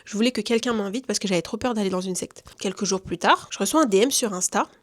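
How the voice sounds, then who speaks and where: A woman's voice: medium pitch, fast talker. A young woman from France telling a personal story in casual slang, acting out what people said. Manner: chatty, lively slang, acts out quotes. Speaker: vlogger giving testimony.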